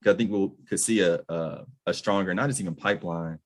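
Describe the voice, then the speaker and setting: A young adult man hosting an interview, talking casually with slang and animated emphasis. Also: sits low, fairly quick. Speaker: podcast host.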